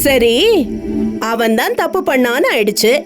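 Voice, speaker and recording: A woman's voice: on the high side, lively intonation, a little slow. An actress playing a nosy, accusing woman with a sarcastic, needling manner in a Tamil television serial. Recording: loud music under dialogue.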